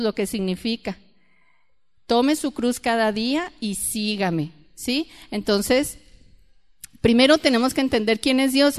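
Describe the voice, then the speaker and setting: A woman's voice: fairly high pitch, smooth. Woman teaching a Bible class. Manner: questions the class, repeats points. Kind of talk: church Bible lesson. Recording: reverberant hall.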